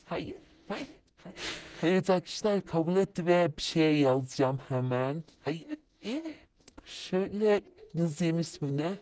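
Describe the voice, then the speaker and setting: Woman, casual vlog commentary, low voice, dark tone, talks to herself while typing. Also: normal speed. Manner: sudden high-pitched exclamations. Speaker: vlogger. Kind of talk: casual screen-recorded commentary.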